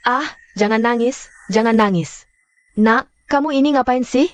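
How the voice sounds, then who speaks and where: A woman's voice: on the high side, unhurried, natural voice. An actress voicing a doting, chatty middle-aged mother who fusses over and coaxes her grown son, in a dubbed drama. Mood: coaxing. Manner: fussing, coaxing.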